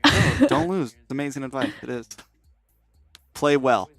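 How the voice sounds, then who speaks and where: A man's voice: mid-range voice, huge pitch swings, measured pace, creaky, a bit bright, no room sound, soft background music. A man hosting a gaming watch party stream, chatting casually, joking and swearing freely with plenty of restarts. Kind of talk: casual chat.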